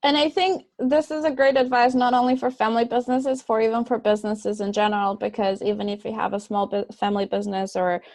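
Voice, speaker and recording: A woman's voice: fairly high pitch, level tone, fast, few pauses, a little mellow, dry recording. A woman from Albania hosting a podcast, asking long questions that she rephrases as she goes. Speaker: podcast host. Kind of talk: interview questions.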